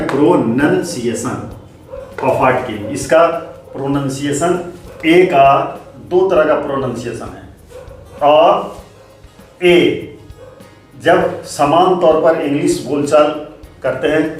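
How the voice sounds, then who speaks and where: A man teaching grammar as a lesson, explaining slowly and deliberately. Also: fairly high pitch, darkish tone. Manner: slow, deliberate explaining with drawn-out words. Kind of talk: classroom lesson. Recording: very echoey room, voice from far off, faint music.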